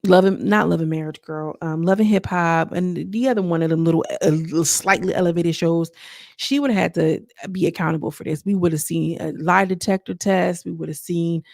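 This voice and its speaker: Gravelly low-voiced woman, gossipy chat. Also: a little fast, a little mellow, no echo, studio quality. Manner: chatty, addresses audience as y'all and girl, trailing restarts. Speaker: reality TV recap commentator. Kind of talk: casual gossipy chat to viewers.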